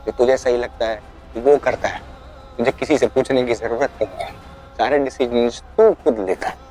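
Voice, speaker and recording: An actor voicing a wounded elder brother in a TV drama, lecturing his sibling with raw emotion. His voice sits in a middle register and soft music plays underneath. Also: mid-range voice, normal speed, lightly acted. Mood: wounded scolding. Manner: emotional scolding, pleading then shouting. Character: hurt elder brother, loving and furious.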